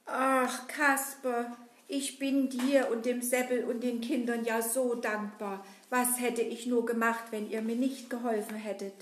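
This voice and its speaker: Woman voicing a slow gentle Easter bunny. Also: fairly high pitch, level tone, slight background noise, close to an everyday voice. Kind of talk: children's puppet show. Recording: roomy echo.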